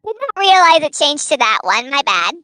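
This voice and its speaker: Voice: high voice, big pitch swings, moderate pace, pushed and bright, a little hiss or hum. A friend joining a stream in casual chat, playful and teasing.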